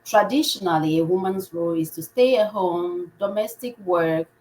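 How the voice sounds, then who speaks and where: A woman's voice: on the low side, moderate pace, darkish tone, low-quality recording. A woman hosting a live podcast, upbeat and welcoming, now and then restarting her words. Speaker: podcast host.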